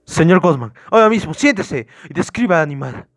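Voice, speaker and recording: A man's voice: medium pitch, lively intonation, moderate pace, dry recording, lightly acted. Man doing a stern interrogating police officer. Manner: firm, commanding, formal questioning.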